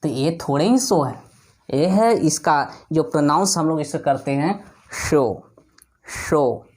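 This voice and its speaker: A man teaching an English lesson, explaining spelling and pronunciation, asking and answering his own questions and repeating words slowly to drill them. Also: a little high, expressive, darkish tone.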